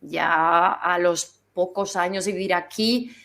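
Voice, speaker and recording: A middle-aged woman from Belgium, a guest in an interview, talking casually and thoughtfully, often pausing with fillers. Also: fairly low pitch, fairly even intonation, vocal fry, a bit bright. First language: not Spanish. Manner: thoughtful, searching for words with many fillers.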